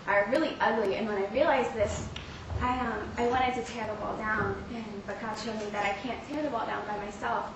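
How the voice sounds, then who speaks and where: A young woman giving a personal faith testimony, speaking earnestly and haltingly with many fillers. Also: fairly high pitch, steady tone. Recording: roomy, distant mic with clear background noise.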